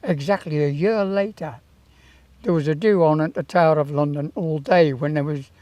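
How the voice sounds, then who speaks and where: Man in his eighties, slightly high voice, dry close sound, rambling anecdotal storytelling, hesitant, interview reminiscence. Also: normal speed, warm tone, no room sound. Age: 80s. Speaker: town crier and former Tower of London yeoman warder.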